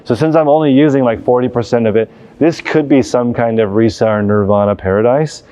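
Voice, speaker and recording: Walking through a large empty warehouse, a vlog host who runs a reselling business gives an unscripted, casual tour. His mid-range voice is brisk, warm and smooth, though the recording sounds muffled.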